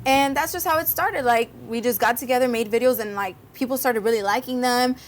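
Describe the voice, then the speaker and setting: A young woman from Miami, born in Cuba, chats as a talk-show guest with a slightly high voice. She tells her stories in a lively way and acts out the voices in them, with faint noise behind her. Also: fairly quick. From Cuba, raised in Miami. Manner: lively, animated storyteller, acts out quotes. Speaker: guest co-host, social media influencer. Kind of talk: casual talk-show chat.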